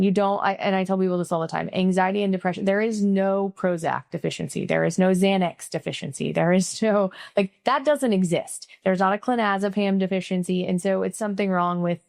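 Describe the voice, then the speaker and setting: Chatty and peppering her speech with "like" and "right?", a middle-aged Missouri woman hosts a podcast, moving through casual interview talk and a sign-off. Her medium-pitched voice is gravelly with a darkish tone, captured as clean studio sound without echo.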